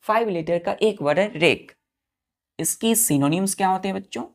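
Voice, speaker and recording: A woman's voice: mid-range voice, normal speed. A woman teaching English vocabulary as a classroom-style lesson, spelling words letter by letter and quizzing her pupils. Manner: addresses listeners as children.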